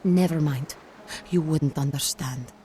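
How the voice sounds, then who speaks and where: A woman voicing a cryptic, secretive stranger in a video game, hushed and terse. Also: sits low, unhurried, a little hiss or hum. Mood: dismissive.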